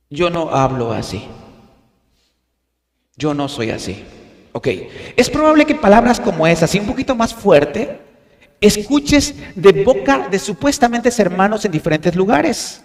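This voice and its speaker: A man preaching a sermon as pastor, earnest, slowing down on scripture and going hushed in prayer. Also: sits high. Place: church. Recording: reverberant church hall.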